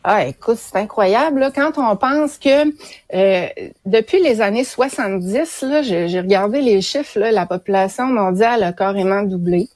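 A woman's voice: mid-range voice, normal speed, darkish tone, no room sound. A woman with a Quebec French accent giving casual, opinionated commentary on current affairs. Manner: conversational, opinionated. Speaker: radio commentator.

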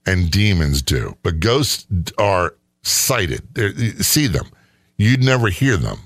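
A middle-aged man with a fairly low voice that swings widely in pitch, talking in a loose, rambling way. He is skeptical and sarcastic. The sound is dry and close. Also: sing-song, slow, a bit bright, no echo. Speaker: podcast co-host. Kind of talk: casual chat.

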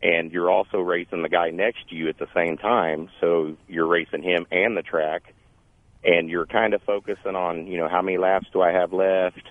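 A low-voiced man phones in to a radio talk show. His voice comes through a thin, tinny phone line with no room sound. He talks informally and restarts his sentences as he thinks aloud. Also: fairly even intonation, moderate pace, no room sound. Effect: heard over a phone line. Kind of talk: casual phone-in chat.

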